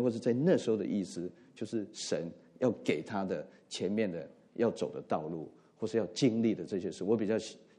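A middle-aged man preaching a sermon in an earnest way, swinging between emphatic rises and soft drops and slipping in English words. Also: fairly low pitch, slightly rough. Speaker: pastor.

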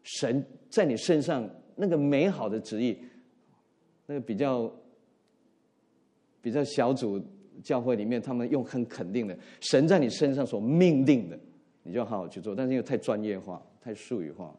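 A middle-aged man delivers a sermon with earnest feeling. His mellow, warm voice swells on key points and falls soft and low between them, now and then slipping an English word into his speech. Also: animated, normal speed. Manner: earnest, swings between emphatic rises and soft drops, mixes in English words. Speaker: pastor.

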